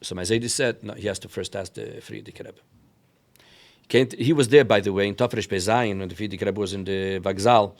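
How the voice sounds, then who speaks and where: Low, creaky-voiced man with inflection. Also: fairly quick. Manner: mixes in many Yiddish and Hebrew words. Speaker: interview guest, rabbi telling family history. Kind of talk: conversational storytelling.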